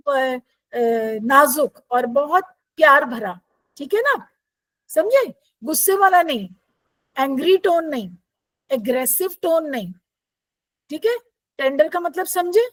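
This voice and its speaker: A woman teacher, reading English lines slowly and explaining them in Hindi with questions to her students. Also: high voice, no room sound, poor audio. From India.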